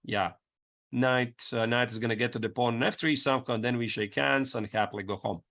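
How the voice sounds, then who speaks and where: Mid-pitched man analysing chess conversationally. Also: fairly even intonation, brisk, gravelly, fairly bright tone. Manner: thinks aloud, explaining moves step by step.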